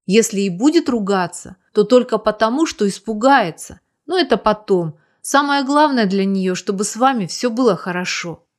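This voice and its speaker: A woman voicing a kind, reassuring adult man in a read-aloud story, speaking calmly and fatherly. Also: medium pitch, normal speed, few pauses, lightly acted.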